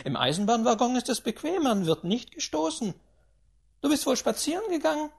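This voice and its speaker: A woman voicing a rich, imperious 75-year-old great-aunt who shouts orders and quarrels with everyone. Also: on the high side, very animated, a little fast, creaky, husky, pitched above the performer's own voice, exaggerated voice. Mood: commanding. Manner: loud, commanding, quarrelsome.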